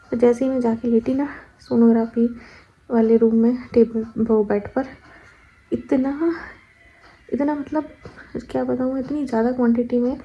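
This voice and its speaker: A young woman tells a personal story, acting out what she said at the time. Her voice is husky and a little high, and her pitch stays fairly level. The recording is slightly dull and lo-fi. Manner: animated retelling, acting out her own past cries. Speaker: vlogger. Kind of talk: casual storytelling vlog.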